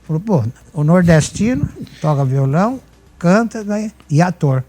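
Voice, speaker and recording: Telling anecdotal stories as a guest, this older humorist from Brazil speaks with a São Paulo countryside (caipira) accent. His voice sits high and keeps a measured pace, and he animates his tales by acting out the dialogue.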